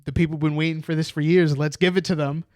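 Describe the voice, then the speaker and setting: A man's voice: fairly high pitch, little pitch movement, fast, darkish tone, no room sound, studio quality. A man guesting on a movie podcast, talking enthusiastically and filling his sentences with "like" and "yeah". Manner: enthusiastic, heavy use of "like" and "yeah". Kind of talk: casual movie review chat. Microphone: podcast microphone.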